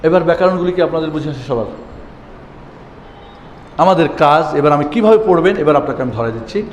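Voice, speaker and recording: Speaking fairly quickly in a fairly high voice, a man leads a classroom lesson on reading the Quran, asking and answering his own questions and going over key words again. The hall echoes with faint ambience and a slight background noise.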